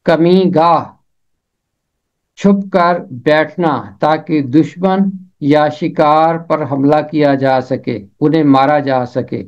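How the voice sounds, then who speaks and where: A man teaches the pronunciation of words. He speaks slowly and deliberately, repeating each term with care. The recording sounds a little dull and lo-fi. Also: on the high side. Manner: slow, deliberate, repeats each word carefully. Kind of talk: scripted lesson on word pronunciation and meaning.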